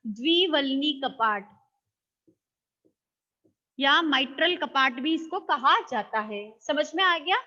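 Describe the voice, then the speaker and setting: A woman's voice: high voice, pushed and bright, highs cut off. A woman teaching a biology class, asking questions and answering them herself, often checking that students follow and correcting her own slips. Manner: checks understanding with frequent "got it?"; self-correcting, with hesitant fillers.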